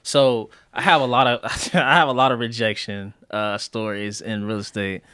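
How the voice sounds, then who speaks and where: A man in his late twenties hosting a podcast, relaxed and easygoing, telling stories and nodding along. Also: fairly low pitch, moderate pace, clear, resonant tone, no echo, studio quality. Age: 20s. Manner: relaxed, easygoing, affirming with mm-hmms. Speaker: podcast host. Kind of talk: casual interview chat.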